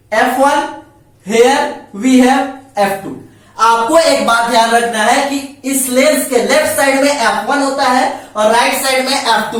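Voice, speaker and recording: A man's voice: extremely high pitch, a bit bright, recorded from a distance. Male physics teacher in a very echoey room. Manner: asks and answers his own questions, repeats key points; mixes Hindi with English phrases. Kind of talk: classroom lecture. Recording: very echoey room, mic set back.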